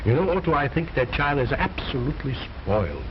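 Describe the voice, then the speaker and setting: A man's voice: mid-range voice, sing-song, a little fast, lightly acted. A man playing a pompous, easily exasperated ventriloquist, speaking formal stage patter as the straight man in an old film. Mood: polite. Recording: muffled old film soundtrack, faint noise.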